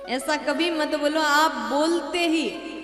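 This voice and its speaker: A woman preacher telling a devotional story and urging her audience, in a slow teaching manner. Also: sits high. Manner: slow, preachy, addresses the crowd directly. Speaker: katha preacher. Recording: echoey hall with faint music.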